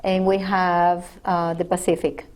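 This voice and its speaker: Middle-aged woman from mexico, spanish is her first language, talks real slow and careful, lots of pauses. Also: lowish voice, little pitch movement, a little mellow. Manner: slow, thoughtful, with pauses and fillers. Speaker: interviewee. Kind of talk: unscripted interview answers.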